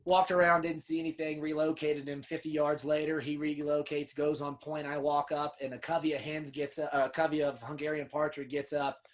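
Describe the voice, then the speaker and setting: A man's voice: on the high side, little pitch movement, a little fast, few pauses. A man telling hunting stories as an interview guest, earnest and emotional, often saying "man" and "dude". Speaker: podcast guest, upland hunter and dog kennel owner. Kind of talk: casual storytelling interview.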